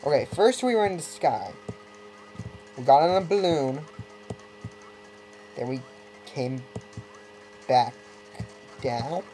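Brief: male let's-player, easygoing and slow-talking, mellow tone, chatty asides, faint game music underneath. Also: medium pitch, sing-song, low-quality recording. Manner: rambling, self-interrupting, wry asides. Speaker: let's play gamer. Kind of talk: casual gameplay commentary.

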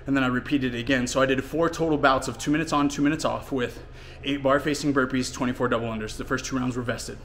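A fitness coach talks casually through his workout in a home gym and outdoors in winter, catching his breath as he plainly explains his training with fillers. His medium-pitched voice is a bit bright, fast and fairly even, with few pauses and slight background noise.

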